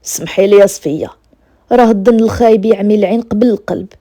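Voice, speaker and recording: A woman's voice: mid-range voice, steady tone, fast talker, dark tone, dry recording, lightly acted. A woman with a Moroccan accent voicing a wronged, cunning husband in bedtime folk-tale storytelling. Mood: remorseful.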